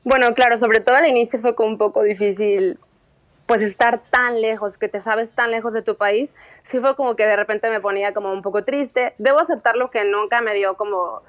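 A woman's voice: a little high, fairly quick. Chatty Mexican woman telling her story. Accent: Mexican Spanish. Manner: chatty, animated storytelling with frequent restarts. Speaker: guest. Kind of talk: casual interview conversation.

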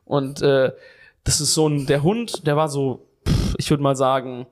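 A man's voice: medium pitch, level tone, unhurried. A young man co-hosting a comedy podcast, telling a long story in a rambling, profane way and often circling back with fillers. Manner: rambling, swears a lot, keeps restarting with "anyway". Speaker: podcast co-host.

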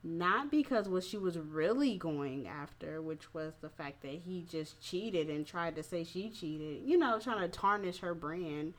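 Woman, low pitch, a little tipsy, candid, slangy and profane, casual podcast host. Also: animated, a little slow, hardly any pauses. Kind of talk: casual opinionated talk.

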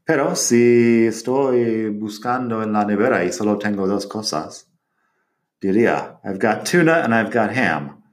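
A man teaching grammar in Spanish to learners, repeating each example sentence slowly and clearly. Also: fairly low pitch, expressive. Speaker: English teacher. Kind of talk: language lesson explaining grammar.

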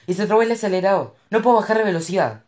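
A man's voice: medium pitch, sing-song, a little fast, lightly acted. A narrator voicing a rich young male actor who talks in a cocky, teasing way. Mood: daring, urgent. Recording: roomy echo.

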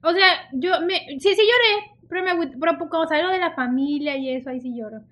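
High-voiced young Mexican woman. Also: fast talker, lo-fi sound. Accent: Mexican Spanish. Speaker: podcast co-host. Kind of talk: casual podcast chat.

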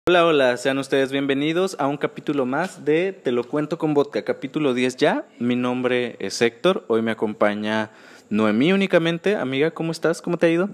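A man's voice: medium pitch, normal speed, soft background music. A man with a Mexican accent hosting a casual pop-culture news chat in a sassy, campy, gossipy manner. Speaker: podcast host.

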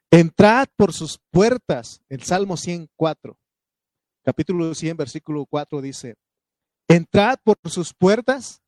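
A man's voice: medium pitch, dark tone, no room sound. A man preaching a fervent sermon, questioning his congregation and punctuating points with amen, raising his voice to read scripture. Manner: reads scripture aloud in a raised, drawn-out voice.

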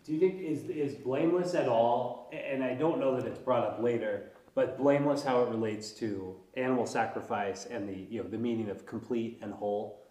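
A man's voice: mid-range voice, moderate pace, mellow, roomy sound. A man in a Bible study group, thinking aloud and searching for his words.

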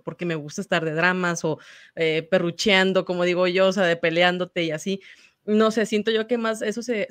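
A woman chatting on a casual podcast, slangy and quick to laugh. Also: medium pitch.

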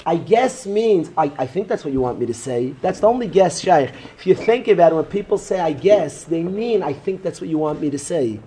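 Animated rabbi joking his students. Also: a little high, brisk, hardly any pauses, slight background noise. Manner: animated, joking, talks straight to students by name. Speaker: rabbi teaching a yeshiva class. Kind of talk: informal Torah class talk.

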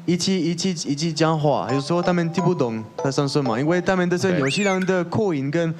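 A man's voice: a little high, quick pace, over music. A man in his twenties from France with a French accent, chatting as a talk-show guest. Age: 20s. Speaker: guest panelist. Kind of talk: casual talk-show chat.

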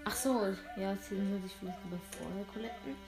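A woman giving casual gameplay commentary, excitable and swearing a lot, with sudden yelled outbursts. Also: mid-range voice, fairly quick, over music. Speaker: let's play streamer. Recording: roomy echoey room.

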